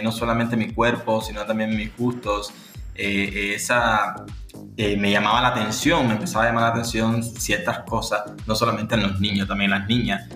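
Young Cuban man, low voice, echoey. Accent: Cuban Spanish. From Cuba. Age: 20s. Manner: lively, laughs often, restarts phrases. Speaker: guest. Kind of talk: podcast interview.

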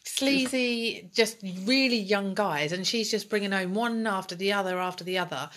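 A woman's voice: mid-range voice, moderate pace, a bit bright. A woman co-hosting a podcast, telling a story in a chatty, emphatic way. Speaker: podcast co-host. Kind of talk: casual chat.

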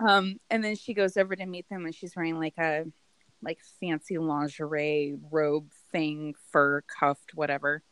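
A woman co-hosting a casual chat, recapping a TV show in an animated, giggly way with some swearing. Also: low voice, unhurried, clear, resonant tone, no echo. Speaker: podcast co-host.

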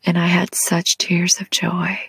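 Woman, 40s, low gravelly whisper, gentle devotional ASMR-style guide. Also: monotone, dry recording. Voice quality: breathy whisper. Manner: slow, soft and prayerful, speaks directly to the listener.

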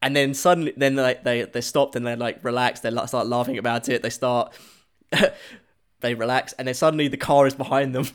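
Man, casual podcast co-host, mid-pitched, laughs through his retelling of a movie. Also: steady tone, clear, resonant tone. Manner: laughs often while retelling scenes, halting restarts. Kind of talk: casual chat.

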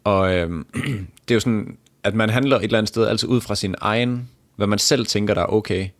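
Low-voiced young man cracking dry jokes. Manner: dry wisecracking quips. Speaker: podcast co-host. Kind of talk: casual chat.

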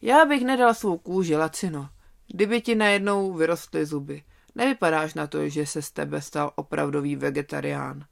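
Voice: mid-range voice, creaky. A storyteller voicing a cheeky, kind-hearted young male lamb.

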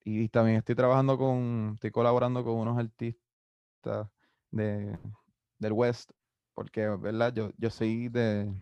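A young man of twenty with a Puerto Rican Spanish accent, a musician answering interview questions in a relaxed, rambling way with many fillers. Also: mid-range voice, unhurried, smooth, dry recording, highs cut off. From Puerto Rico. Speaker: musician guest. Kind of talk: casual interview, mixing Spanish and English.

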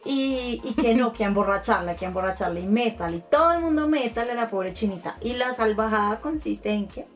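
A woman, chatting casually as co-host and telling expressive stories, acting out quotes. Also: fairly high pitch, fairly quick, hardly any pauses, distant mic. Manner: expressive storyteller, acts out quotes. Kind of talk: casual chat.

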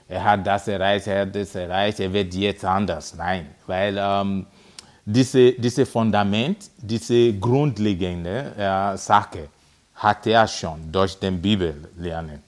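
Slow, hesitant low-voiced man from Nigeria. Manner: hesitant, many fillers and restarts. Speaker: interviewee, father of a footballer. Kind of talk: casual interview answers.

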